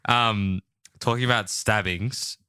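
A man hosting a casual podcast chat about a TV show, relaxed and quick to laugh. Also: on the low side, smooth, dry recording, studio quality. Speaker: podcast host.

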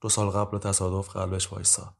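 A tired, guarded woman of thirty on trial, voiced by a man in a low, flat tone. Her answers come quiet and muffled, short and reluctant. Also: creaky. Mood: subdued.

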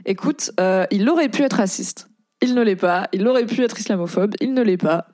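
A woman's voice: mid-range voice, animated, moderate pace, a little mellow, no room sound, clean studio sound. A young French-speaking woman hosting a casual podcast, reading and commenting on posts in a chatty way with many fillers.

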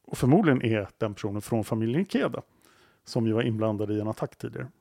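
A man's voice: lowish voice, lively intonation, gravelly, darkish tone, no room sound, studio quality. A man hosting a podcast, narrating a story dramatically and building suspense. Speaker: podcast host.

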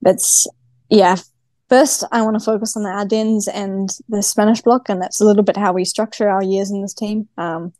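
A woman's voice: mid-range voice, steady tone, normal speed, a little mellow, no room sound. Woman with a broad Kiwi accent. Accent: broad New Zealand (Kiwi). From New Zealand. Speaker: guest, professional cyclist. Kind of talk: casual podcast interview chat.

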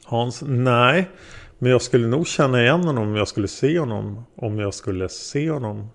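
A man reading the lines of a hesitant male taxi driver being questioned as a witness, in a plain, halting way. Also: mid-range voice, creaky, close to an everyday voice. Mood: unsure. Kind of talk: read-aloud interrogation transcript.

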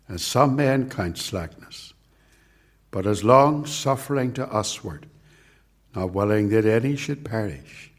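A man preaching a sermon and reading scripture deliberately, with rhetorical repetition. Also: on the low side.

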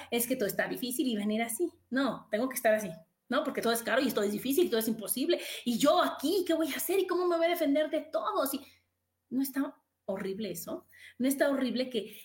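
A woman's voice: sits high, echoey room. A middle-aged woman hosting a motivational podcast, emphatic and full of rhetorical questions. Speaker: podcast host. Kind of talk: motivational talk.

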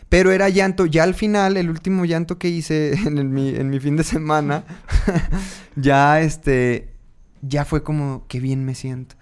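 A man, hosting a casual podcast and telling a personal story in an animated way, voicing his own inner dialogue. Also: on the high side, unhurried, clean tone.

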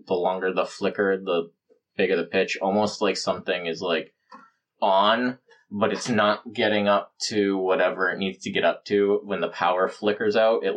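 Man, game master, very low voice, rambling scene description. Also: steady tone, unhurried. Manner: chatty, filler-heavy describing. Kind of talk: narrating a tabletop game.

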